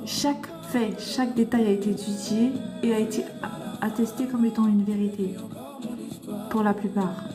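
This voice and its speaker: A woman's voice: medium pitch, fairly even intonation, normal speed, echoey room, over music. A woman preaching fervently on a live stream, scolding her listeners and firing rhetorical questions at them. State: tearful. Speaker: livestream host. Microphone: phone.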